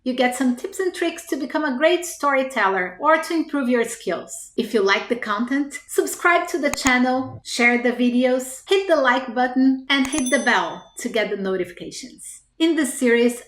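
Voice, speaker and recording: A woman's voice: a little high, a bit bright, a little hiss or hum. Brazilian woman vlogging in an echoey room. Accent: Brazilian Portuguese. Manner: earnest, conversational, direct questions to viewer. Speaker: storytelling coach. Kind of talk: scripted talking-to-camera vlog.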